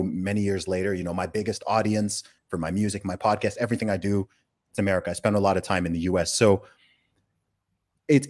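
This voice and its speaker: A man born in the UK and raised in Saudi Arabia, hosting a casual podcast conversation, emphatic and full of rhetorical questions. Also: low-pitched. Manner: animated, emphatic, rhetorical questions, frequent restarts. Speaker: podcast host.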